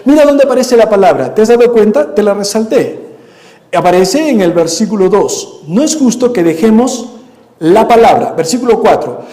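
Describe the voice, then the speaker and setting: A man's voice: sits high, dark tone. A man preaching a sermon as pastor, questioning the congregation and answering himself. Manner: acts out quoted listeners in a mocking voice. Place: church hall. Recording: long church reverb.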